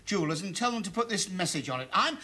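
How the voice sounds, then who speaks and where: An actor playing a well-meaning, hesitant middle-aged husband who stammers in a studio sitcom. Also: male voice, sits high, lively intonation, quick pace, pushed and bright.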